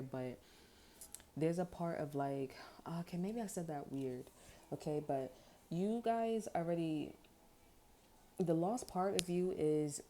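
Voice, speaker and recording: A woman's voice: sits low, warm tone, slight background noise. A woman giving a casual tarot reading, rambling and peppering her talk with okay and like. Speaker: tarot reader.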